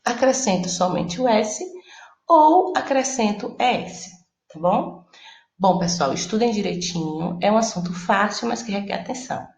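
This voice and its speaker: A woman's voice: mid-range voice, expressive, normal speed, vocal fry, echoey room. A Portuguese-speaking woman teaching a recorded Spanish lesson, explaining each step and checking in with her students as she goes.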